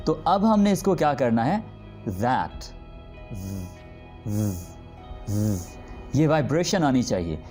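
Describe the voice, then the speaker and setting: A man teaching English pronunciation. He explains patiently and says each example word slowly and drawn out, often stopping to check in with the learner. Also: medium pitch, darkish tone. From Pakistan. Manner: drawn-out demonstration words repeated slowly. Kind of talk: spoken language lesson.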